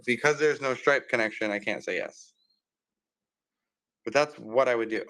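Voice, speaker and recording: A man walks through a casual tutorial at an even middle pitch, explaining loosely with plenty of fillers. His audio drops in and out over a bad online connection, and now and then he sounds farther from the open computer mic. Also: normal speed. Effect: bad connection, audio cutting in and out. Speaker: workshop instructor. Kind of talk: casual screen-share tutorial. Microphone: open computer mic on a video call.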